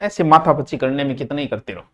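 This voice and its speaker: A man's voice: medium pitch, quick pace. A middle-aged man teaching a grammar class, repeating each word again and again and scolding students in a playful way. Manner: drills words by repeating them, playful scolding asides.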